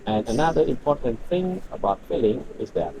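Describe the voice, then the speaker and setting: A man, a hotel general manager, giving a measured instructional talk in slightly non-native English. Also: medium pitch, very animated, warm tone. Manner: measured, deliberate phrasing with non-native grammar. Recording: muffled lo-fi recording with faint noise.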